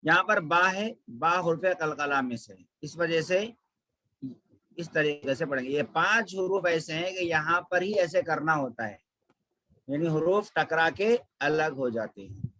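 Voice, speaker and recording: A man's voice: on the high side, animated, a little slow, sharp tone, dry recording, rough recording. A man teaching Quran recitation, patiently repeating syllables to show each sound. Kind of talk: slow tajweed lesson with drilled examples.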